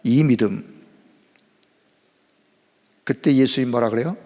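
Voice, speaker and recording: A male pastor delivering a midweek sermon in animated, emphatic preaching, in a church sanctuary with a long reverb. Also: medium pitch, takes it slowly.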